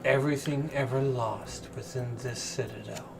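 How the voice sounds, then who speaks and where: A man voicing a blinded, imprisoned ancient angel in a tabletop role-play, speaking in slow, formal pronouncements. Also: mid-range voice, fairly even intonation, gravelly, natural voice. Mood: grave, solemn. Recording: room recording with faint background noise.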